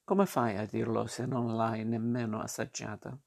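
A patient fairy with a mother's calm speaks gently but firmly, as a man reading a storybook voices her. The voice stays low and gravelly, close to the reader's own. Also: normal speed.

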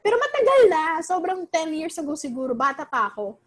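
Young woman, casual storyteller, high lively voice, Filipino-English mix. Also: fairly quick. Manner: animated, Taglish code-switching, many fillers.

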